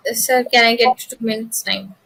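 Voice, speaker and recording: A woman's voice: on the high side, fairly even intonation, normal speed, vocal fry, pushed and bright, breathy edge, rough recording. A young woman with an Indian accent answering as a job interview candidate, formal and deferential. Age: young adult.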